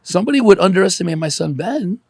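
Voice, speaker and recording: A man in his forties opens up on a podcast, profane and candid, holding back tears. His slightly raised voice is rough with fry and a husky grain. The sound is dry and close, with no room around it. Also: high-pitched, lively intonation, fast talker, no echo. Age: 40s. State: teary. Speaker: podcast guest.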